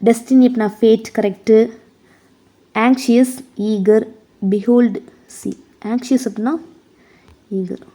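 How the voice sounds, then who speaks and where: A woman with a Tamil accent teaching an exam prep lesson, reading English questions slowly and explaining them in quick Tamil. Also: a little high, fairly even intonation, mellow.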